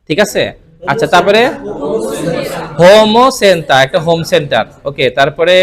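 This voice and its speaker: A man from Bangladesh teaching Japanese vocabulary in a live online class, asking questions and repeating words for students to say. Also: high-pitched. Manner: colloquial Bangla mixed with English words.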